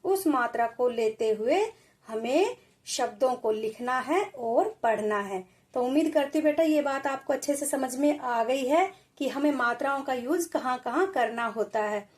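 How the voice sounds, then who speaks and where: A woman teacher giving a reading lesson for children, sounding out words slowly and repeating each one. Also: high-pitched, animated, a little mellow. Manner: addresses children as beta.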